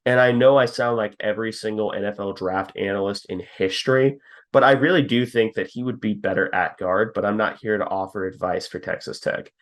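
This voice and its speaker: A man's voice: lowish voice, steady tone, a little fast. A young man co-hosting a podcast, casually breaking down a football team's linemen, reading stats and laughing at his own jabs. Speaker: podcast co-host. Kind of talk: casual football scouting talk.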